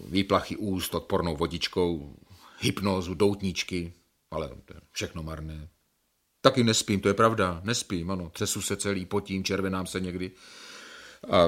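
An actor playing a restless, defensive male patient in a radio drama, quick to flare up. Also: sits low, fairly bright tone. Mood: complaining. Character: touchy chain-smoking male scientist patient.

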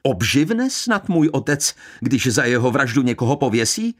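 A man's voice: mid-range voice, sing-song, voice pushed up. A man voicing a bitter young woman who speaks coldly, sharply and with contempt. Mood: scornful. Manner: cold, sharp, piercing, contemptuous. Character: bitter young woman, cold and scornful daughter.

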